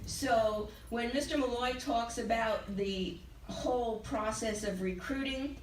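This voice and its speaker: A woman's voice: a little high, slow pace, a little hiss or hum. An older woman telling her own story to a training audience, candid and emotional, often laughing as she recalls things. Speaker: speaker at a sales training event. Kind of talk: personal testimony to an audience. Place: large meeting room with an audience. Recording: echoey hall, mic from far off.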